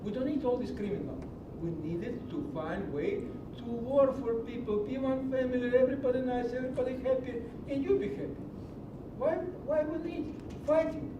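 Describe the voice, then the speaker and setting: Heard through lo-fi sound at normal speed, a middle-aged man from Greece uses broken English to make a passionate, sermonizing public comment at a county meeting. The large meeting hall gives a distant, echoing recording with a low rumble.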